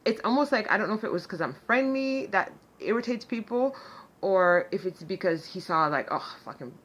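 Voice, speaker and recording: A woman telling a story in a casual vlog, chatty and animated, full of fillers and sarcastic asides. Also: medium pitch, normal speed. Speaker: vlogger.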